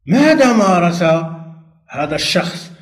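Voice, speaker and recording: A man teaching a primary school Arabic grammar lesson for television, speaking patiently and drawing out words, with pauses for pupils to answer. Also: high-pitched, very animated, roomy sound. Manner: patient, slow, drawn-out drilling with pauses for answers. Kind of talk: televised distance-learning lesson.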